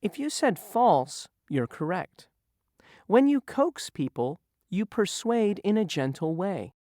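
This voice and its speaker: Speaking slowly in a medium-pitched, sing-song voice with a dark tone, a narrator quizzes learners on word meanings through slow scripted review questions, as patient as a teacher in a vocabulary lesson. It's studio quality audio with no room sound.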